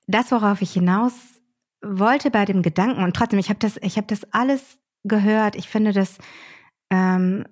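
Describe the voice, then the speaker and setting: A woman hosting a podcast conversation, speaking in a thoughtful, measured way while searching for words. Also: medium pitch, fairly even intonation. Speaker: podcast host.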